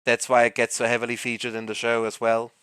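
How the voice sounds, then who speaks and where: A man's voice: mid-range voice, monotone, fast, fairly bright tone, clear, resonant tone, no room sound. A man on a voice call, chatting loosely as game master while planning a tabletop game, swearing and tripping over his words.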